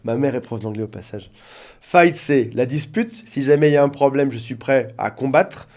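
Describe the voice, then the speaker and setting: A man's voice: mid-range voice, normal speed, darkish tone. A man working as a relationship coach, explaining things directly to his viewers in an informal talk, with joking asides. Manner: jokey asides.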